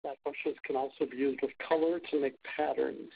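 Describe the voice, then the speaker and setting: Man, instructional video narration, re-recorded through a speaker, thin phone-like sound, short spoken steps, mid-pitched voice. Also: steady tone, moderate pace, creaky, husky. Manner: short step-by-step commands. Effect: instructional video played aloud from a phone held up to a speaker and re-recorded.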